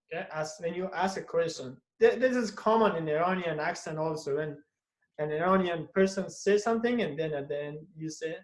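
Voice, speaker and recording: A man teaches English in a live online class from his home at night, his voice fairly high and brisk. He tacks "okay?" onto almost every phrase and acts out each interjection as an example. The audio is poor and reverberant.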